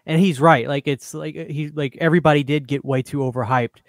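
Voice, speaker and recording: Higher-voiced man in loose podcast banter. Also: fairly even intonation, fairly quick, no room sound, clean studio sound. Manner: loose and casual, slangy, with filler words. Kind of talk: casual podcast chat.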